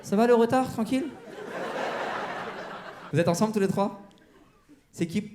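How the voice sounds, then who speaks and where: A man's voice: high-pitched, normal speed, background noise. A man doing stand-up crowd work on a comedy club stage, teasing the audience with mock-outraged banter. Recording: live show with crowd laughter.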